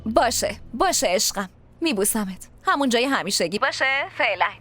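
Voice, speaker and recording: A spirited young heroine, high voice. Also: female voice, animated, fairly bright tone, faint music behind. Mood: tender. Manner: quick, emotional and reassuring. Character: spirited young woman searching for her sister. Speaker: lead character. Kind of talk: dubbed TV drama.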